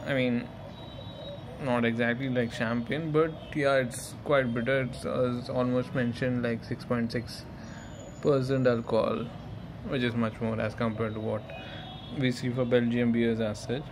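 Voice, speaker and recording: Man, medium pitch, hesitant casual reviewer, clear background noise, handheld phone indoors. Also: level tone, unhurried. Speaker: amateur beer reviewer. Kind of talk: casual unscripted review to camera. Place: small room, indoors.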